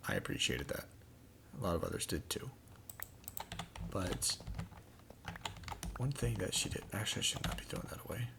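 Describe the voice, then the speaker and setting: A young man with a low, gravelly voice talks casually while playing a game. He rambles through a story with plenty of exasperation. The recording is noisy, with keyboard clicks clattering behind him. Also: fairly bright tone. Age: young adult. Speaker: gaming channel host.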